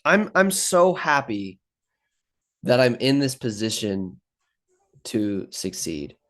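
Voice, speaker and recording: A man's voice: mid-range voice, very animated, slow pace. Rambling young man vlogging trade recaps. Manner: rambling, swears a lot, says bro and dude. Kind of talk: casual monologue to camera.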